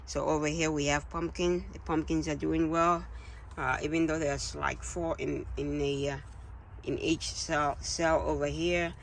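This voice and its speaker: Flat-toned man with a halting delivery. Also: on the high side, gravelly, a little hiss or hum. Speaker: gardening channel host. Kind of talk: casual garden update vlog. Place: greenhouse.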